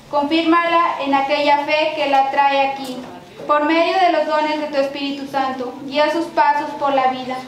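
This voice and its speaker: A woman with a Mexican accent leading liturgical prayers and readings at a church mass, in a measured recited cadence with occasional restarts. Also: sits high. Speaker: lay prayer leader. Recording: very echoey church with background noise.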